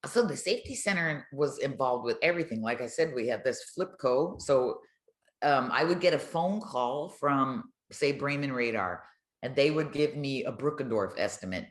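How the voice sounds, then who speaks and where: An older woman, once an air traffic controller and now retired, chats colloquially as a podcast guest, telling stories in a casual interview. Her extremely low voice is expressive at normal speed, heard in an echoey room.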